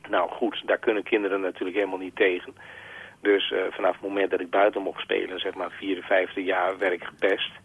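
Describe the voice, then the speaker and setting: Man, radio show caller, telephone line, deep voice, raspy, halting and earnest. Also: little pitch movement. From Groningen, Netherlands. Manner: halting, earnest, searches for words. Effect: heard over a telephone line. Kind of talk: phone-in conversation.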